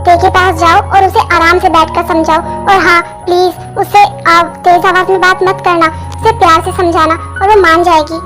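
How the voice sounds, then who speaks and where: A woman voicing a caring young sister-in-law who reasons gently and persuasively, in a Hindi fan dub. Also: extremely high pitch, level tone, moderate pace, hardly any pauses. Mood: gentle. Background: background music.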